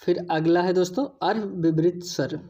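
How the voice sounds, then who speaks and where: A woman's voice: on the low side, fairly even intonation, normal speed, dark tone, slightly rough. A woman teaching an exam-prep lesson, explaining patiently, repeating key points and addressing viewers as friends.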